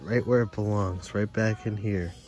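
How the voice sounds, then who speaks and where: A young man filming a casual vlog while walking through a large store, playful and excitable. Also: lowish voice, normal speed, over music. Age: young adult. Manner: playful, excitable, laughs often. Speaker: vlogger. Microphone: handheld phone camera.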